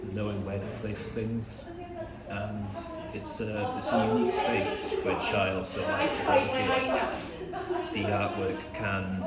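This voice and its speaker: A man from Swansea with a Welsh accent, speaking hesitantly and reflectively as an artist being interviewed in a cafe gallery. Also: fairly low pitch. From Swansea, Wales. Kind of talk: informal interview answers. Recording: echoey, very noisy cafe gallery.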